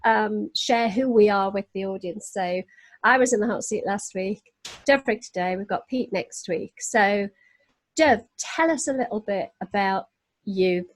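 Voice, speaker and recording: A woman hosting a podcast, reading a scripted welcome and then chatting with her guests. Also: mid-range voice. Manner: bright and welcoming in the intro, chatty when hosting. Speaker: podcast host.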